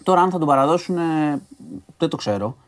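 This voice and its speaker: A man's voice: a little high, expressive. A man hosting a podcast, recapping news stories to a co-host in a casual, conversational way with asides and hesitations.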